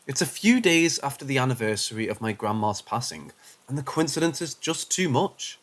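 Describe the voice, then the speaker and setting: A man narrating first-person paranormal stories as scripted narration, dropping low and quiet for the tense moments. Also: animated, moderate pace.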